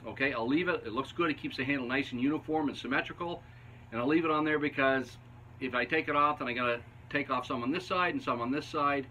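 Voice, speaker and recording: Talking quickly in a pushed, bright, medium-pitched voice, a Canadian man in his fifties teaches woodworking casually as he works in his basement shop. He's folksy and easygoing with chuckling asides, and the bench camera a few feet away picks up a little hiss or hum.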